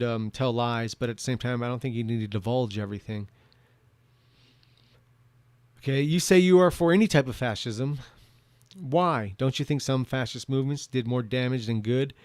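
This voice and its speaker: Male commentator, mid-pitched and closely dry-recorded, rambling monologue with stop-start, repetitive phrasing. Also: darkish tone, dry recording. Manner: halting, repeats words and restarts sentences often. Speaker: video commentator answering viewer questions.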